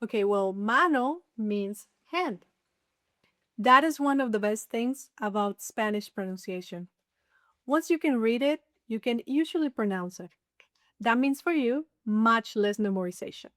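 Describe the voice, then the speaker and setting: A woman teaching a beginner Spanish lesson, saying each word slowly and clearly and repeating it. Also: on the high side, lively intonation, no echo, studio quality. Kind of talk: slow scripted language lesson.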